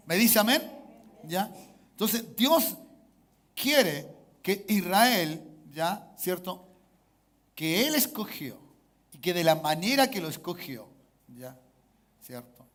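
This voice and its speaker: A Chilean man with a Chilean Spanish accent, preaching a sermon as pastor, calling for amens and swinging between hushed asides and loud exhortation. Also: high voice, sing-song, slow, pauses often.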